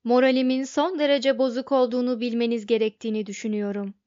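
A woman voicing a depressed male robot who speaks in a flat, hopeless monotone. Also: high voice, moderate pace, no room sound, lightly acted. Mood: gloomy. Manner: flat, hopeless, sulky delivery. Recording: dull, dry lo-fi recording.

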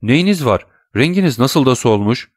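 A man voicing a worried, gallant young gentleman with an urgent, solicitous manner. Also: medium pitch, lively intonation, normal speed, no echo, studio quality, voice pushed up, natural voice. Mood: concerned.

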